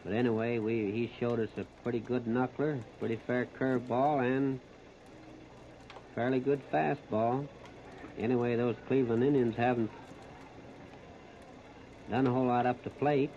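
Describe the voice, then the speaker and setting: Pausing often, an American man calls a baseball game on 1930s radio in a flat, medium-pitched voice at a moderate pace. His short phrases are plain and folksy, and the disc recording is muffled and noisy.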